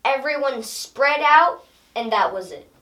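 Schoolkid daughter, voiced by a woman, slow, bright, distant, roomy recording. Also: high-pitched, lively intonation, full character voice. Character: schoolkid daughter telling about her day. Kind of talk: scripted English dialogue for learners.

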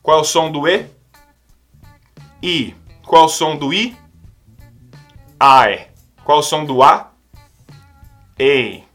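A man's voice: a little high, animated, slow, pauses often, fairly bright tone, faint music behind. A Brazilian man teaching English pronunciation, patiently repeating each sound for the listener to copy. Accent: Brazilian Portuguese. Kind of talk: language lesson.

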